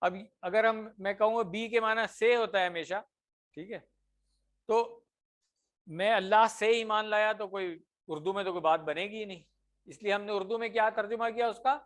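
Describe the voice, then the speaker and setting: A man teaching a class that is also followed online. He explains patiently, checks often that students follow, and slows down on example phrases. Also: high-pitched, a bit bright.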